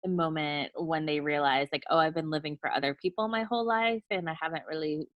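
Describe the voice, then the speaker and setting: Woman podcast host, low pitch, dry close sound, curious interviewer. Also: fairly quick, no echo, muffled recording. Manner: curious, asks open questions. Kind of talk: casual interview chat.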